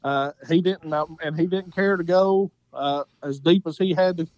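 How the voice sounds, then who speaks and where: A man's voice: a little high, moderate pace, darkish tone, no echo, lo-fi sound. A man with an Appalachian accent talking casually as an interview guest, telling hunting stories in a folksy way and repeating phrases for emphasis. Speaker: podcast guest, coon hunter.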